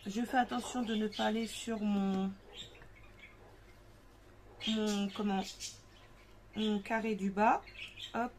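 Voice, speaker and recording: A woman's voice: mid-range voice, steady tone, takes it slowly, pauses often. A woman casually demonstrating a craft at home, thinking aloud with lots of fillers. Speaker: craft tutorial host. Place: home craft table with parakeets and kids nearby. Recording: noticeable home background noise with bird chirps.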